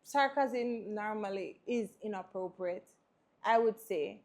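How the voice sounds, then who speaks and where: A woman's voice: mid-range voice, slow pace, darkish tone. A woman with a Jamaican accent giving frank opinions as co-host on a casual talk show. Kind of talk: casual panel chat.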